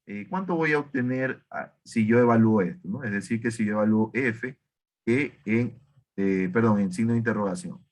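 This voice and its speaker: A man's voice: on the low side, moderate pace. Questioning male math teacher. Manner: questioning, self-correcting, many fillers. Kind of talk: online math class.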